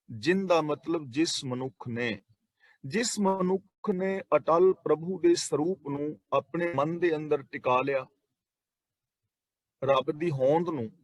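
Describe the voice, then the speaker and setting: A man explaining scripture as a preacher, reciting verses slowly and deliberately, then explaining them. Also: on the high side, dry recording. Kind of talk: scripture exposition.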